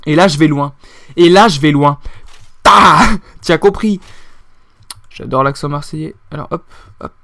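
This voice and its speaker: A man's voice: fairly high pitch, moderate pace, sharp tone, dry recording, clean studio sound. A man giving let's-play commentary as a YouTuber on a platform game, muttering repeated phrases under his breath and bursting into swearing and yelps when he fails.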